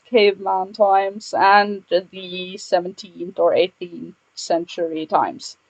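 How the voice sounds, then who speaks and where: A woman's voice: mid-range voice, no room sound, muffled recording. A woman co-hosting a casual gaming podcast, enthusiastic and giggly. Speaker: podcast co-host and YouTuber. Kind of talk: casual chat.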